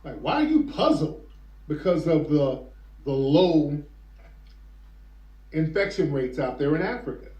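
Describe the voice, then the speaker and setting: A man's voice: a little high, big pitch swings, unhurried, long pauses, a little mellow, echoey room, muffled recording. A man commenting casually on news headlines, reading them out and asking incredulous rhetorical questions.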